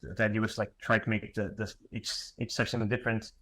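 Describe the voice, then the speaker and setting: A man's voice: on the low side, flat delivery, a bit bright, husky, rough recording. A man in his thirties from Portugal with a Portuguese accent, giving an online lecture in English with many fillers and restarts. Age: 30s. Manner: halting, many fillers and restarts, self-deprecating. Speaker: graphic designer giving a lecture.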